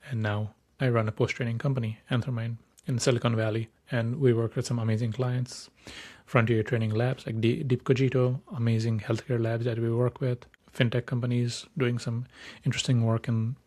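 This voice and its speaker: Young male podcast host from Nepal, mid-pitched, eager, talks in quick bursts with frequent self-corrections. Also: flat delivery, darkish tone. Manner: upbeat, enthusiastic, restarts words often. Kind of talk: solo podcast monologue.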